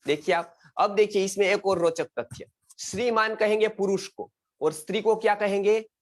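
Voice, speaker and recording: A man's voice: high-pitched, moderate pace. A middle-aged man from India teaching an online Sanskrit lesson, repeating words and checking that his students follow. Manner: quizzing students, repeats words, frequent "samajh gaye?". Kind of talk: explanatory online class lecture.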